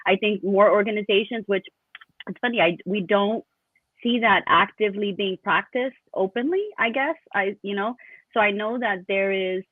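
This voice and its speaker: A woman's voice: medium pitch, moderate pace, no echo. An effusive woman hosts a casual interview over a tinny, phone-like line. Her medium voice sounds close and dry, and she gushes and thinks aloud, stumbling through restarts. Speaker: host.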